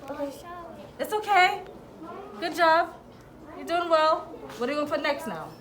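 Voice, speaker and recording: A woman's voice: sits high, expressive, normal speed, reverberant. A woman teaching young children through a hands-on demonstration, giving short, repeated instructions and encouraging praise. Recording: classroom with children's chatter around. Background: group of children.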